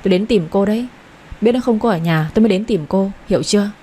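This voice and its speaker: A woman's voice: medium pitch, fast, mellow, slight background noise, close to an everyday voice. A woman voicing a stern, domineering older mother who talks curtly and gives orders. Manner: curt, commanding, impatient.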